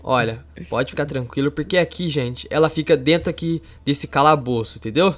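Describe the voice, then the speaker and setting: Excitable high-voiced Brazilian gaming host. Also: male voice, a little fast. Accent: Brazilian Portuguese. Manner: excitable, jumps to loud squeals when startled. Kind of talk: excited Minecraft let's play.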